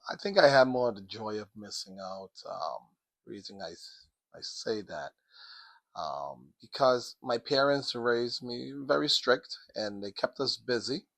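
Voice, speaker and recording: Middle-aged man from the Caribbean, interview guest, unhurried and low, close dry mic. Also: lively intonation, vocal fry, fairly bright tone, dry recording. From Sint Maarten, Dutch Caribbean. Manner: slow, measured, with frequent ums. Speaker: interview guest, math teacher. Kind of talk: casual interview.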